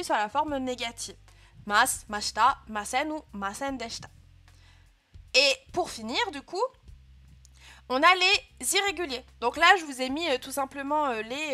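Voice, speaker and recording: A woman's voice: sits high, bright, forceful tone. A young woman teaching a live online language class, patiently explaining grammar step by step and checking in often with her students. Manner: patient, clear explaining with frequent "euh" and "hein" checks. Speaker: Japanese teacher.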